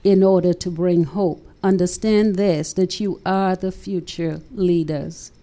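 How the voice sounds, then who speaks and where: Low, mellow-voiced woman radio host. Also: steady tone, measured pace. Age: older. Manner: warm preacherly interjections, praise the Lord. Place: radio studio.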